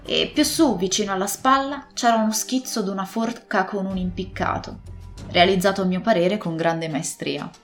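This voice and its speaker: A woman narrating a classic adventure novel as scripted narration, telling the story in a steady, expressive way. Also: mid-range voice, moderate pace, faint music behind. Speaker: audiobook narrator.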